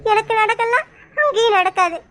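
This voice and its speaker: A woman's voice: extremely high pitch, fairly quick, a bit bright, slight background noise. A woman voicing a tearful young village woman who pleads with fate.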